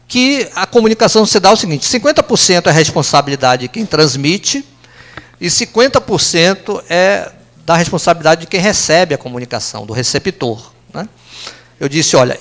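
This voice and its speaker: In an office meeting room, a man gives a company lunch talk to a live audience in a fairly high-pitched, fairly bright voice with a Brazilian Portuguese accent. The Brazilian speaker keeps it conversational, sprinkling in "né?" and quick asides played for laughs.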